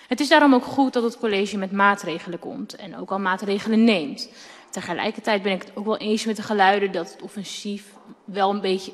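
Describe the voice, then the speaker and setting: A woman council member delivers an earnest debate speech at an ordinary pitch, stopping now and then to hesitate. Her voice rings with a long reverb from the council chamber.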